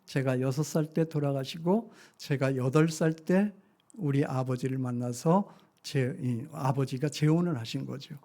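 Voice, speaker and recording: Older guy pastor preaching, gravelly voice, goes soft then loud in church. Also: mid-range voice, measured pace. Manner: emotional storytelling, shifting from hushed to loud. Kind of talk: sermon. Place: church sanctuary.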